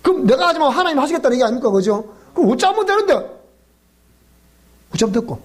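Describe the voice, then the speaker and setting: Racing along with big pitch swings, a very high-voiced pastor from South Gyeongsang, Korea, leads a weeknight Bible school sermon at church in his Gyeongsang accent. He keeps it jokey, laughing often and quizzing the congregation.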